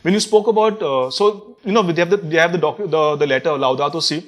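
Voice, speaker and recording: Fast-talking high-voiced Indian priest. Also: male voice. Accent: Indian English. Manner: joking, self-deprecating. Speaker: priest and school principal, guest. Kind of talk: casual interview chat.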